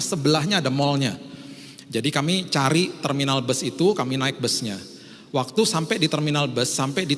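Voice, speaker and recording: Man preaching in a reverberant hall. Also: medium pitch. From Indonesia. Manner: lively anecdotal storytelling, acts out quotes. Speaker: pastor. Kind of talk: storytelling sermon.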